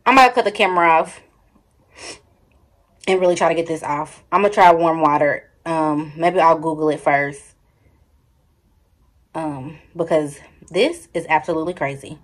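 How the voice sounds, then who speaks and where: A woman's voice: low voice, normal speed, pauses often. A woman vlogging at home at night, sore and near tears, talking straight to her viewers in distress. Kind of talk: casual vlog talk to camera.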